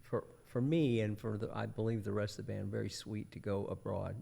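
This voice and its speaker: A man's voice: lowish voice, steady tone, a little fast, creaky, dark tone, breathy edge. A man chatting casually as a musician guest in an interview, with a dry, self-deprecating sense of humour. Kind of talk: casual radio interview chat.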